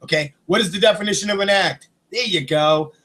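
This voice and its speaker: High-voiced ranting man. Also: brisk, pushed and bright. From United States. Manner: agitated, swearing, rambling. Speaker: vlogger. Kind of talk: profane political rant to camera.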